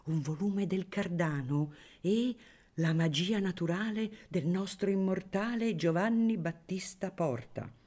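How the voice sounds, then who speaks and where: A reader voicing a pompous, lecturing older gentleman in an audiobook reading of a novel. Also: medium pitch, a little slow, pitched above the performer's own voice, natural voice.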